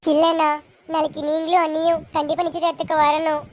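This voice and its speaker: A woman plays a young sister in a TV serial who is about to be engaged. Her voice is high and she pleads earnestly. Faint noise runs underneath. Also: level tone, fast, natural voice. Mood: earnest, pleading. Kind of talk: TV serial acting.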